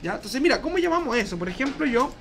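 Slight background noise accompanies this fast, very animated male teacher, whose extremely high voice has a fairly bright tone. Speaking Chilean Spanish in a live programming class, he chats informally, uses slang, and asks "¿ya?" after each point.

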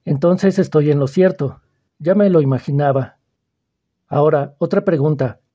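Man doing calm mysterious schoolboy, probing, kinda higher dark mellow voice. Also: normal speed, highs cut off, lightly acted. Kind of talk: audiobook reading.

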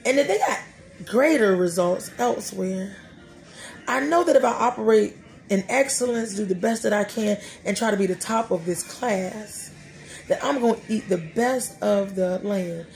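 Speaking unhurriedly in a mid-range voice, this thirtysomething woman hosts a laid-back faith podcast. She's animated and a bit preachy, muttering to herself and laughing along the way. She records indoors in a small room with a dark curtain behind her.

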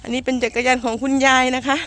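A woman's voice: high voice, flat delivery, fast talker, fairly bright tone. A woman hosting a homemade comic skit outdoors, narrating in a playful, mock-earnest documentary manner with polite sentence endings. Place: outdoors in a rural garden. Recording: noisy outdoor amateur recording.

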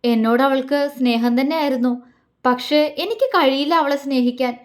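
A woman's voice: sits high, normal speed, natural voice. A woman voicing a grieving young man torn between two loves, pleading and anguished in an audio story. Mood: brooding. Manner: anguished, pleading inner monologue.

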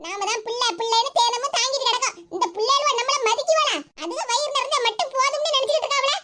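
Brief: a bitter old cartoon mother with a Tirunelveli Tamil accent, nagging and self-pitying, pitched extremely high over loud noise. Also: fast talker. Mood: lamenting. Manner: scolding, self-pitying laments. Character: grumbling old mother, bitter about her children. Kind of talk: cartoon voice acting.

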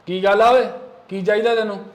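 A man's voice: sits high, fairly even intonation, brisk, natural voice. A man playing a stern older brother who lectures his younger sibling about money in a home-made family skit. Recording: echoey room, faint music.

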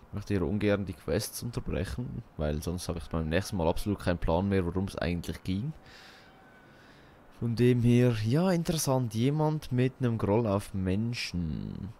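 A man's voice: fairly low pitch, very animated, normal speed, mellow, a little hiss or hum. A man hosting a let's play, thinking aloud in colloquial, casual game commentary.

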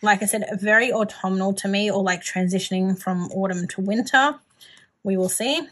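A young Australian woman with a medium-pitched, fairly bright voice talks at a moderate pace while showing off her planner shopping haul. The tone is casual and chatty, and she gushes over her purchases.

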